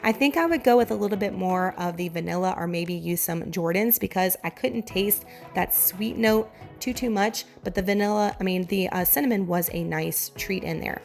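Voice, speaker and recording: A woman's voice: mid-range voice, normal speed, gravelly, few pauses, soft background music. A woman with a Southern US accent chatting through a casual cooking voiceover, enthusiastic and direct, her voice congested and giving out. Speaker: home cooking vlogger. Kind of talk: casual meal prep voiceover.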